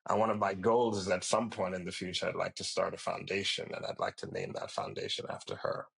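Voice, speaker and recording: Deep, gravelly middle-aged man from Jamaica. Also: steady tone, fairly bright tone, poor audio. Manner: measured and reflective, with frequent fillers. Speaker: guest, company founder. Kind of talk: podcast interview.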